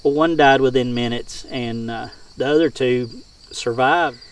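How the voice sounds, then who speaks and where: A man's voice: mid-range voice, a little slow, smooth. Folksy man telling hunting stories, miked from afar. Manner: folksy, rural colloquial phrasing. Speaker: hog hunter and game caller. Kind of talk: casual first-person hunting storytelling. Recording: distant mic outdoors with insect sounds.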